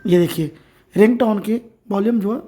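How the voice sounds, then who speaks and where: A man's voice: high-pitched, moderate pace, music in the background. An Indian man giving an informal phone tutorial, explaining each step as he goes. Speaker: tutorial presenter.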